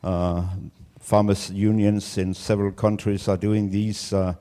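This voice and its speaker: A man's voice: on the low side, level tone, a little slow, dark tone. A man from Denmark, a farmer giving a conference presentation in a hesitant way, with many fillers and restarts. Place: conference room.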